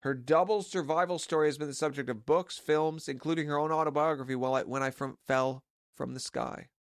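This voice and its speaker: Gravelly dry-humoured podcast co-host. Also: male voice, on the high side, fairly even intonation, a little fast, dry recording. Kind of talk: casual comedic chat.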